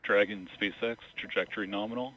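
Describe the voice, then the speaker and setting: A man's voice: lowish voice, fairly quick, no echo. A man giving a terse flight controller callout, heard as a distant space radio transmission. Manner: clipped, flat procedural delivery. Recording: distant radio feed with faint hiss.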